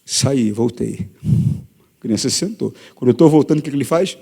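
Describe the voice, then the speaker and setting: A man preaching as a pastor, moving between hushed storytelling and loud, emphatic repetition. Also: medium pitch, normal speed, creaky, breathy edge, big-room sound. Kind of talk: sermon. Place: church hall.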